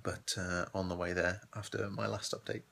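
A British man with a deep, creaky voice speaks in a flat, subdued way. He is recording a casual, hesitant diary on a phone in a small room. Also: normal speed, slight background noise. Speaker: vlogging runner. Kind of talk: casual spoken video diary. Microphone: phone at arm's length.

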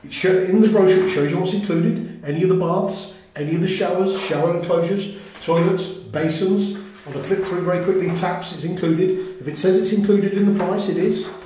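A man's voice: sits high, dark tone, heavy reverb, far from the mic, a little hiss or hum, rough recording. A middle-aged man from England showing off a finished bathroom, enthusiastically listing what was included, recorded on a 360 camera in a small tiled room. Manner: enthusiastic, lists items quickly, points things out. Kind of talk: casual sales walkthrough.

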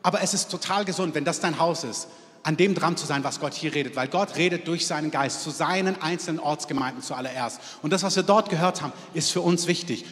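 A man's voice: a little high, fairly bright tone. A man preaching a sermon as pastor, with emphatic lines and a repeated "Amen". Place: church hall. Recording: long hall reverb.

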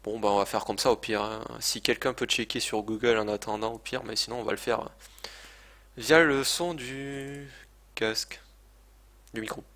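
A man streams a video game live, chatting casually and hesitantly, swearing and mocking himself. His voice sits on the low side, steady and fairly bright, at normal speed. He uses a desk microphone while speakers play the game sound.

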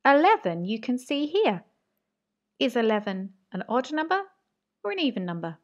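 A woman teaching a maths lesson to young children, talking slowly and encouragingly in a sing-song way. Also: a little high, very animated, highs cut off. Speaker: reception teacher.

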